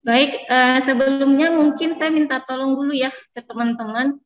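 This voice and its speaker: A woman's voice: high-pitched, steady tone, normal speed. An Indonesian-accented woman speaking through a face mask, giving a semi-formal seminar talk in a conversational way that often checks in with listeners. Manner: conversational, frequently checking with listeners using tag phrases. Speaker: guest lecturer at an online seminar. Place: room on a university campus, on a video call. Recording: dull lo-fi video call audio.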